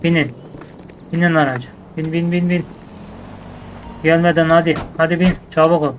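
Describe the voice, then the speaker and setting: A man running an in-character game roleplay, ordering his crew about in brusque, slangy street talk. His voice is on the higher side for a man, with a light hiss of noise beneath it. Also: steady tone, moderate pace, highs cut off.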